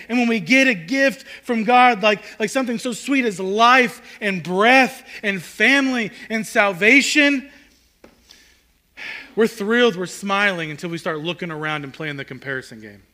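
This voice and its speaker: A man preaching a sermon in a conversational, animated way. He swings between loud, punchy lines and hushed, quiet ones. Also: sits high. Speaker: pastor. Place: church hall with congregation.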